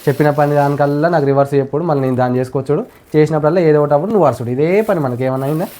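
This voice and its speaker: A man's voice: fairly high pitch, racing, mellow. A man arguing with his wife in a casual home prank, brushing off blame and scolding her bluntly. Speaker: husband pulling a prank. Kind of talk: casual domestic argument.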